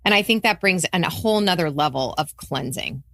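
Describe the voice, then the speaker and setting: A woman's voice: fairly low pitch, expressive, brisk, creaky, a bit bright, no echo, studio quality. A woman co-hosting a podcast, chatting casually and enthusiastically about a student's story, with hesitant starts. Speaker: podcast co-host.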